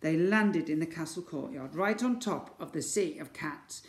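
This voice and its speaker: In an echoey room, a man with a slightly high voice reads a children's story to a school audience at a moderate pace. He performs theatrically, exclaiming the sound words.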